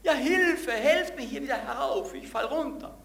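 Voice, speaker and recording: A man playing a panicked guy shouting from a cliff. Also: extremely high pitch, expressive, moderate pace, gravelly, echoey room, pitched above the performer's own voice, full character voice. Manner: shouting desperately for help.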